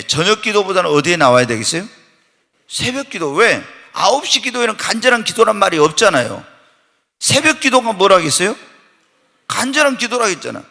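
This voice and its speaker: High, gravelly preaching man in a reverberant church. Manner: animated, fires rhetorical questions at the congregation; bursts into loud, shouted emphasis. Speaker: pastor. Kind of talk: Korean evening church sermon. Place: church sanctuary during a Wednesday night service. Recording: long church-hall reverb.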